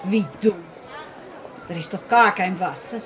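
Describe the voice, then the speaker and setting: A woman's voice: mid-range voice, unhurried, fairly bright tone, a faint crowd, slight background noise, natural voice. A woman playing a gossiping, scornful townswoman in a children's audio story. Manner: giggly, scornful.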